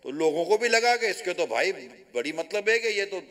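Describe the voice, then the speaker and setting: Pakistani preacher guy, high voice, telling a story in a sermon, acts out the lines. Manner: animated storytelling with quoted dialogue. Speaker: religious scholar.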